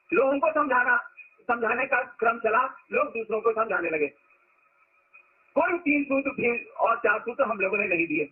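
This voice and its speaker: A man's voice: very high voice, breathy edge, phone-quality sound. A man giving an informal spiritual discourse as a teacher, talking conversationally and asking rhetorical questions.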